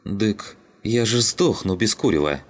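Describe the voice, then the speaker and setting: A man's voice: on the low side, lively intonation, measured pace, pitched above the performer's own voice. Man doing a dim, folksy scavenger. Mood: simple, pleased. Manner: folksy slangy drawl. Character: dim-witted male scavenger, cheerful and stubborn.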